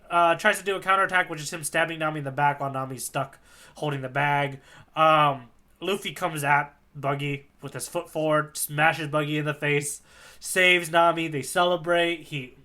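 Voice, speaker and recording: Recapping a manga chapter in casual chat, this male podcast co-host has a fairly high-pitched voice with a sharp tone. He tells the story in a loose, rambling, joking manner.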